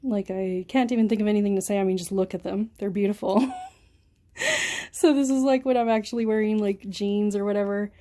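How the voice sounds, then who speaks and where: A young woman vlogging as she unboxes shoes, gushing and giggly, breathless with excitement. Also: mid-range voice, fairly quick. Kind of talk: casual unboxing vlog.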